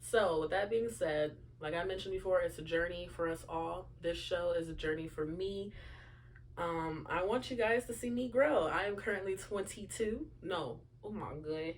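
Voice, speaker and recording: Chatty young woman with low voice. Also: normal speed, a little hiss or hum. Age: young adult. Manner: chatty, lots of fillers and asides to listeners. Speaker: podcast host. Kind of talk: casual solo chat.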